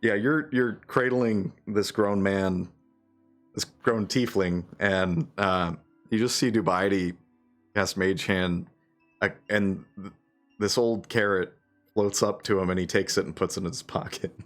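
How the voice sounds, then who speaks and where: A man's voice: low-pitched, steady tone, unhurried, fairly bright tone, soft background music. A man running a tabletop game as game master, narrating with hesitant fillers and frequent laughs.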